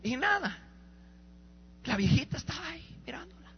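Man, animated sermon storytelling, very high pitch, reverberant hall, dull lo-fi recording. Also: moderate pace. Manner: animated, acts out voices, stammers when excited. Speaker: preacher.

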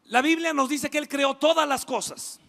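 Animated high-voiced male preacher, echoing hall. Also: normal speed, gravelly. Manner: animated, jokes and asides, shouting for emphasis. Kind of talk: lively sermon to a youth congregation. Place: church hall. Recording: long echoing hall reverb.

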